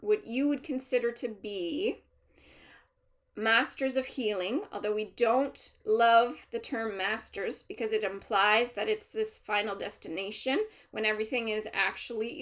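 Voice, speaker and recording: A woman speaking as a trance medium, channeling a collective of master healer spirits in a deliberate, formal, instructive manner with pauses. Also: on the high side, a bit bright. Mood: calm, instructive. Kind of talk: seance medium channeling, unscripted spiritual teaching.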